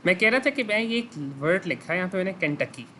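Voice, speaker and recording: A man's voice: high-pitched, lively intonation, fast, bright, forceful tone, a little hiss or hum. A man teaching a clinical lesson over a video call, explaining step by step, questioning his students and mixing in English phrases. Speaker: medical teacher.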